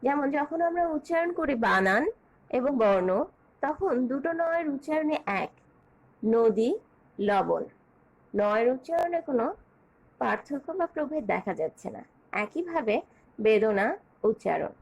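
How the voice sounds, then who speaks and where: A woman teacher giving an online grammar lesson, speaking in a measured, clear way as she lists points and spells out examples. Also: sits high, animated, poor audio.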